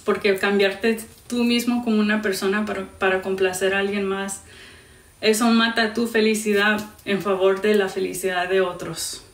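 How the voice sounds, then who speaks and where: A woman's voice: mid-range voice, little pitch movement, fairly quick, distant mic. A young woman from the Midwest chatting live with viewers, switching between English and Spanish mid-sentence. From Indiana, US Midwest. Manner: chatty, answers viewer questions. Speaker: TikTok live streamer. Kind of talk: casual live-stream chat. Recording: roomy sound from off-mic.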